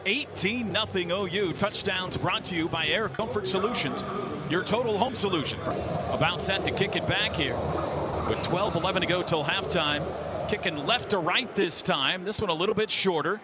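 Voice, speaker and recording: His voice sits high and moves at a moderate pace as he calls a football game for radio. The American announcer keeps his phrases short and clipped from the stadium booth, with faint noise on the live broadcast.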